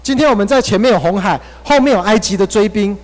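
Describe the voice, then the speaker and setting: A terrified crowd of fleeing people, voiced by a male preacher, wails frantic complaints. The voice is pushed high and loud. Long reverb from the church hall hangs around it. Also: fast, lightly acted. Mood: panicked. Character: panicked crowd of fleeing Israelites, frightened and complaining.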